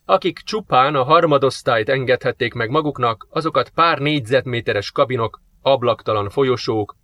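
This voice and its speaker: A man narrating a science-fiction novel as an audiobook reader, in measured storytelling. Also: medium pitch, a bit bright. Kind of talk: scripted narration.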